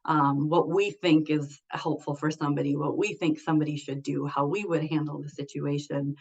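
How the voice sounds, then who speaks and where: A woman's voice: low voice, fairly even intonation, moderate pace, darkish tone, slightly rough. Woman clinician on a panel, reflective and earnest, dull lo-fi sound. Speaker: mental health clinician. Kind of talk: panel discussion answer. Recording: muffled lo-fi recording.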